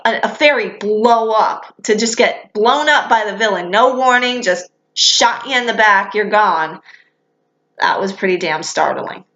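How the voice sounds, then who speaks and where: A woman's voice: mid-range voice, fairly bright tone. A young woman, a vlogger, talking candidly and enthusiastically as a fan in casual commentary, with some casual swearing. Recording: echoey room.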